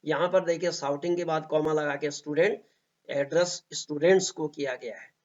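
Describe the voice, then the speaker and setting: A man teaching an English grammar lesson, slowly reading out example sentences and repeating his points. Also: fairly high pitch, steady tone, darkish tone. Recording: dull lo-fi recording.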